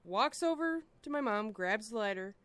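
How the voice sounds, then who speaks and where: A woman's voice: fairly high pitch, expressive, moderate pace, a bit bright, dry recording. A woman hosting a stream, casually telling a story to friends and swearing freely. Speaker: streamer host.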